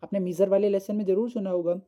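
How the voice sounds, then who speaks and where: Soft, very mellow male teacher. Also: high voice, flat delivery. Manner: patient, reads English definitions slowly word by word. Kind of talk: classroom lesson explanation.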